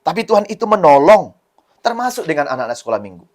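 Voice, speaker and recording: A man's voice: fairly high pitch, very animated, fast talker. A man giving a Sunday school sermon to children, explaining in short repeated phrases and acting out prayers with a pleading voice. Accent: Indonesian, Medan. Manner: acts out prayers and quotes in a raised, pleading voice.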